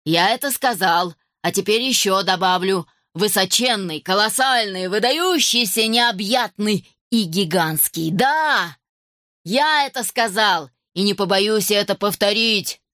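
Zag, a woman doing a booming dragon. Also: normal speed, a bit bright, dry recording, studio quality. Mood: proud. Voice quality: deep rolling bass voice. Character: huge male dragon, booming and boastful. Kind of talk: storybook reading.

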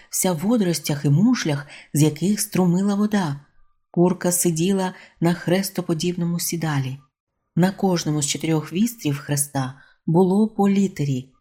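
Audiobook narrator, woman; low, husky, dark-toned, wry and measured. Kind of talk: storybook narration.

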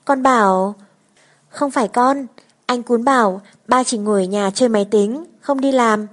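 Small twin children in their first school year, chattering away in high, eager little voices, as a woman reads them aloud. They pipe up together, bright and childlike, clamouring for their mother. The storybook delivery keeps them sweet and lively. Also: normal speed, lightly acted.

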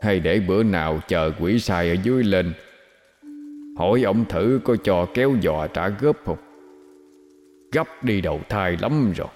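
A man voicing a greedy male water ghost that grumbles to itself in a hushed mutter. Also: deep voice, expressive, measured pace, long pauses, big-room sound, soft background music. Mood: grumbling mutter.

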